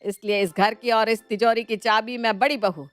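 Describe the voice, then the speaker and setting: A proud old mother-in-law who rules the house, as a woman voices her in a storybook cartoon. The voice sits slightly high, smooth and clear. It is recorded dry and close, with light music underneath. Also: fairly even intonation, normal speed, no echo, lightly acted. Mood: firm. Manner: firm, commanding.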